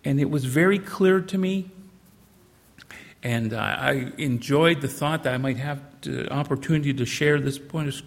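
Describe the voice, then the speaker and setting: A Canadian-born man preaching a sermon in a church, earnest and measured, slowing down to stress key phrases. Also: medium pitch, vocal fry. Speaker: pastor. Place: church sanctuary. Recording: reverberant church hall.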